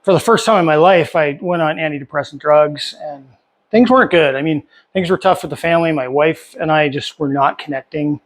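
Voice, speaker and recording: A man's voice: fairly high pitch, a little fast. A man in his fifties talking casually and candidly to camera as a vlogger, with many fillers and restarts. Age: 50s. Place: home workshop.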